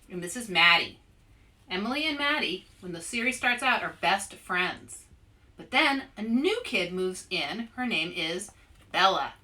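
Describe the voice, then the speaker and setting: A medium-pitched woman brings energy to a children's read-aloud she hosts and wrote, speaking right to the kids listening.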